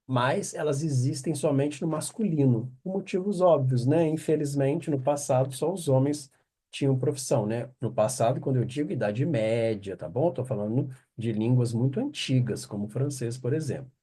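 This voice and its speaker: A man teaching French online. He explains patiently, checks in often with quick questions, and repeats the French words slowly. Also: mid-range voice, mellow, slightly rough. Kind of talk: online language lesson.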